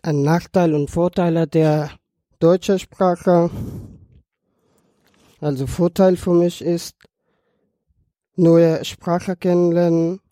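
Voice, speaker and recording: Slow and mellow, with frequent pauses, this early-twenties Afghan man shares his own experiences on a podcast. His voice is fairly high with little pitch variation, and as a native Dari speaker he has an Afghan accent and non-native phrasing. The recording is echo-free and studio quality.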